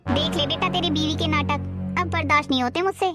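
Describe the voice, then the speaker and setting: A woman's voice: high voice, steady tone, fairly quick, lightly acted. Woman playing a harsh superstitious mother-in-law. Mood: contemptuous. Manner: scolding, bossy. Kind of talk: homemade moral-story drama acting. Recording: music clearly behind the voice.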